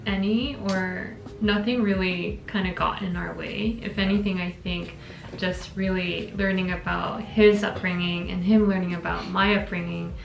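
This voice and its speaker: A young Korean woman hosts her channel's casual relationship Q&A, reading viewer questions aloud and answering them thoughtfully. Her voice is gravelly and fairly low, with fairly even intonation and a normal speed. The room is echoey, and music plays in the background.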